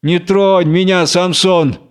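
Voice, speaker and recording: A man's voice: high-pitched, steady tone, slow, clean tone, voice pushed up. A man reading as a frightened warrior companion, speaking with urgent, anxious pleading. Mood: fearful.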